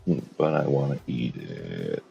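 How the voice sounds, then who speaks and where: Very deep gravelly man, teasing. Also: very animated, unhurried, warm tone. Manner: joking, teasing. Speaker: co-host, character owner. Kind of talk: casual chat. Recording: dull lo-fi mic, faint music.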